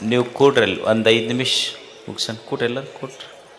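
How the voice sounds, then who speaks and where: A man's voice: mid-range voice, steady tone, brisk, fairly bright tone. A man with a North Karnataka accent preaching a sermon to a gathering, repeating phrases and asking rhetorical questions that build to emphatic peaks. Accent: North Karnataka Kannada. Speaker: spiritual speaker. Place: public gathering.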